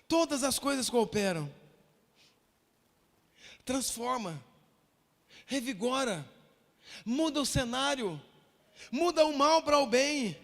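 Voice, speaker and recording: A Brazilian pastor with a strikingly high voice preaches with fervor, repeating his lines and rising to shouts. His words ring out with a long echo across a church hall. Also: animated, slow, long pauses. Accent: Brazilian Portuguese. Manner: fervent, repetitive preaching that swells to shouts. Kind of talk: sermon.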